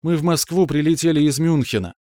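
A man doing an excited teenage sister. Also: a little high, brisk, no room sound, studio quality, voice pushed up, lightly acted. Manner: eager, exclaiming, chattering.

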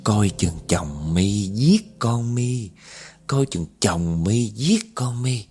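A man voicing a female ghost who murmurs a slow, drawn-out warning over and over. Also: lowish voice, expressive, darkish tone, husky, exaggerated voice. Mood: ominous. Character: whispering female ghost, eerie, repetitive warning.

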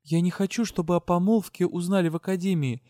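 A woman's voice: lowish voice, fast talker, mellow, no echo, clean studio sound, voice pushed up, lightly acted. A man voicing a young female academy student who is tearful and touchy, in an audiobook. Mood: pleading. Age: young adult.

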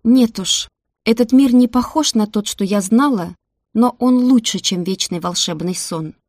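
A woman reading an audiobook, voicing a stubborn young princess who asks sharp, insistent questions. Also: fairly high pitch, unhurried, no echo, clean studio sound. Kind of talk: audiobook character voice.

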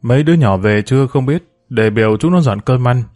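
A man's voice: medium pitch, a little fast, no room sound, clean studio sound, lightly acted. Man reading an unruffled, curt middle-aged mother, storybook voice. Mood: calm. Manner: calm, curt. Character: calm, sharp-tongued middle-aged wife and mother.

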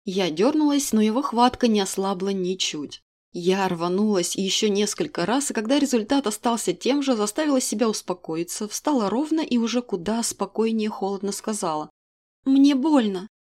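A woman reading a first-person novel aloud in an expressive, even storytelling manner. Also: mid-range voice, moderate pace. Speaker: audiobook narrator. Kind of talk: scripted first-person narration.

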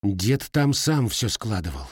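A man's voice: lowish voice, very animated, a little slow, slightly rough, dry recording, clean studio sound, full character voice. A man voicing a weary cossack woman who pleads with her husband. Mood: pleading.

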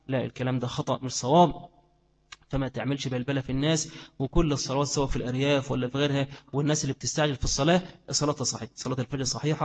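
A man's voice: medium pitch, long reverb tail. A man with an Egyptian accent giving a religious lesson, who asks his listeners questions and answers them himself. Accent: Egyptian Arabic. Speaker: Islamic teacher.

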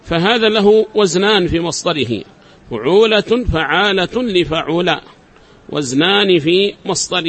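A man's voice: high voice, fairly bright tone. A man teaching a class, explaining step by step, repeating examples and quizzing his students. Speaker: teacher of Arabic grammar. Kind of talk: classroom lecture.

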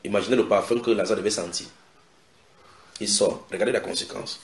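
A man preaching a sermon in a house church, animated and expressive. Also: lowish voice, brisk. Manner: animated preaching with acted quotes and a shouted climax. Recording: echoey room, faint noise.

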